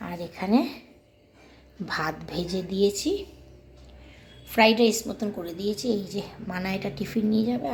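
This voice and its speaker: A middle-aged woman talks to her viewers like friends, in a chatty, homely vlog. Her voice is hoarse and gravelly from a cold. The room around her sounds echoey. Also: medium pitch, noisy background. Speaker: vlogger. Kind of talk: casual home vlog. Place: home kitchen.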